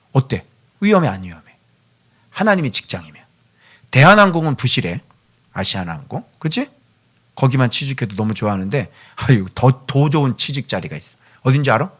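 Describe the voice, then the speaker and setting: A man's voice: mid-range voice, fairly bright tone, husky. A male pastor preaching a sermon in a church, chatting with the children by name and sometimes dropping to a near-whisper. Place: church sanctuary.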